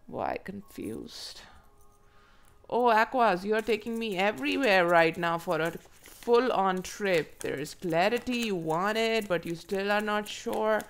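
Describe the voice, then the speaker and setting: A woman with a hoarse, froggy voice from a cold, reading tarot to viewers in an unhurried, musing way and asking herself questions aloud. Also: medium pitch. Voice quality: froggy, croaky throat. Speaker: tarot reader and channel host. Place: indoors at a table.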